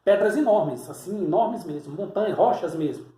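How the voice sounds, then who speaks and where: Man, high voice, teaching preacher who points at a board and asks rhetorical questions, roomy echo. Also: expressive, moderate pace, warm tone. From Salvador, Bahia, Brazil. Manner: explains step by step, points at drawings, rhetorical questions. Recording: echoey room.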